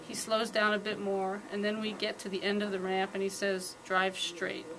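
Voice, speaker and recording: A woman reading her own first-person fiction aloud at a live reading, with calm, steady storytelling. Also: mid-range voice, rough recording.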